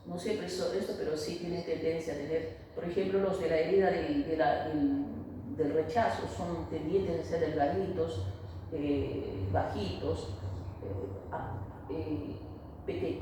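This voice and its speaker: Speaking low and steady at a measured pace, a female family therapist answers an interviewer, her explanation full of fillers and false starts. Faint noise runs under the recording, which has her distant from the microphone in a reverberant room.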